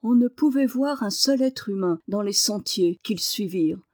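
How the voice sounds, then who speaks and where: A woman reading a novel aloud as an audiobook narrator, with measured, expressive narration. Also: medium pitch, dry recording, clean studio sound.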